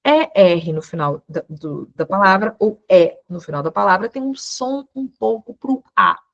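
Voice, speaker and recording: Slow, gravelly woman teaching online. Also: medium pitch, animated, a bit bright, no room sound, muffled recording. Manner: explanatory, checks in with "né?" and "tá?". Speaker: law teacher giving a German course. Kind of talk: online lesson.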